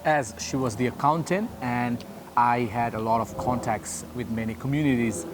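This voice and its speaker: Man, halting, noisy recording. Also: mid-range voice. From Nepal. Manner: halting, uh fillers. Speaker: pastor trainer. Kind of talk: casual storytelling. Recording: noisy background.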